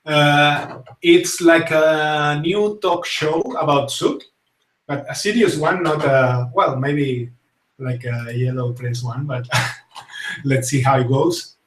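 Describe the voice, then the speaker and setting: Spanish-accented male host, young, slightly high voice, slow and hesitant, roomy distant sound. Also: steady tone, a bit bright. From Spain. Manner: hesitant, many fillers and restarts. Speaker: talk show host. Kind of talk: casual live-stream talk show. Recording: echoey room, voice set back from the mic.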